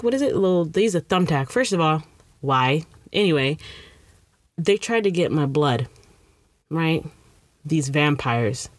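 A woman's voice: deep voice, no echo. A young woman telling a comic story about herself, rambling and self-mocking, drifting into playful tangents. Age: young adult. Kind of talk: comedic storytime monologue.

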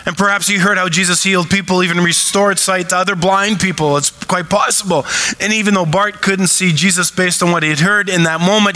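A man preaching a sermon from the pulpit, animated and acting out shouted cries as he retells a story. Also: high voice, poor audio. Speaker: pastor.

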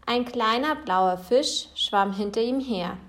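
Lady reading a kids fish story out loud, slow and kinda high voice. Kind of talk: reading a children's picture book aloud.

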